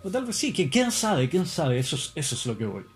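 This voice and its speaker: A man's voice: a little high, big pitch swings, fairly quick. A man in a casual monologue, rambling and musing with plenty of swearing.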